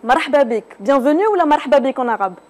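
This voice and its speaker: A woman hosts a studio interview at a rapid clip, her voice sitting a little high. She talks in a playful, teasing way and slips easily from Arabic into French. A faint hum sits under the studio sound. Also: expressive. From Algeria. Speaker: interview host. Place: TV studio set.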